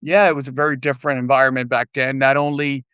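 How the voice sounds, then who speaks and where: A middle-aged man from Puerto Rico, a guest on a remote podcast, talking in a measured casual way with many small pauses. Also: mid-range voice, little pitch movement, bright, forceful tone, clear, resonant tone, dry recording. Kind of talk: casual interview chat. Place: remote, virtual studio.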